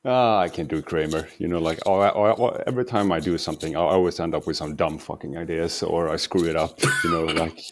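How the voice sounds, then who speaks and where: A man guesting on a podcast, talking casually in a subdued, rambling, halting and profane way. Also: sits low, steady tone, a little hiss or hum. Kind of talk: casual chat.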